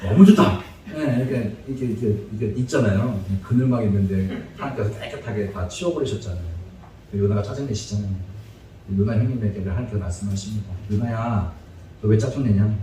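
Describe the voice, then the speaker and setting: A man's voice: fairly low pitch, fast, dark tone, a little hiss or hum. A male preacher giving a humorous, chatty sermon lecture that breaks into frequent laughter. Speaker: evangelist preacher. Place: church sanctuary. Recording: echoey church hall, distant mic.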